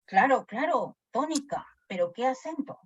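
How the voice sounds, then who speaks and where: A woman's voice: fairly high pitch, moderate pace, slightly rough, no room sound. A woman teacher giving a lecture who keeps asking her class questions. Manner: animated, asks the class questions often. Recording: dry, dull lo-fi sound.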